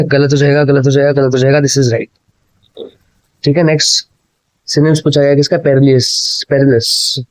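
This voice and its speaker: Hindi-exam teacher, man, mellow voice. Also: mid-range voice, dry recording, low-quality recording. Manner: mixes Hindi and English, repeats answers, keeps asking "ठीक है?". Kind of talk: explaining exam questions.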